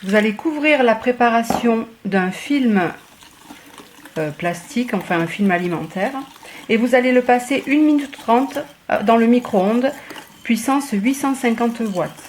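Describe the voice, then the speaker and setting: A woman cooking vlogger walking viewers through a recipe in a chatty, casual way, often pausing on fillers. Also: a little high, expressive, a little mellow, a little hiss or hum. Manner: chatty, hesitant with frequent fillers. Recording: echoey room.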